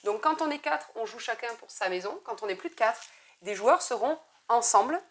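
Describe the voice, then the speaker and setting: Woman, fast talker, fairly high voice, chatty rule explainer. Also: animated, slight background noise. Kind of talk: casual game explanation.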